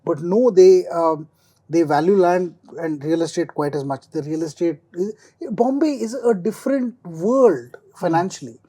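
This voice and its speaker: A man's voice: high voice, moderate pace, mellow. A man speaking informally as a finance commentator on a panel, explaining things by acting out imagined quotes.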